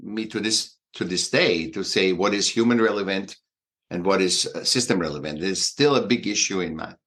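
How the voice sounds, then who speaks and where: Austrian man in his sixties, low voice. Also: a bit bright. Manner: halting, many fillers and restarts, emphatic. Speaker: guest artist and educator. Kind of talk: conversational interview.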